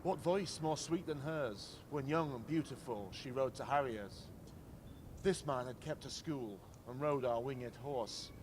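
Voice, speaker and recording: Outdoors in a city square, a man recites poetry against clear urban noise and passing vehicles. His voice falls in the middle of the male range, and he delivers the lines in a measured, declamatory style, like a reader at a public commemoration.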